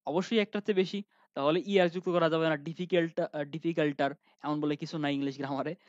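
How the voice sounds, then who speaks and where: A man's voice: fairly high pitch, fairly even intonation, quick pace, no room sound, muffled recording. A man teaching an online grammar lesson, often asking questions and answering them himself, with many fillers.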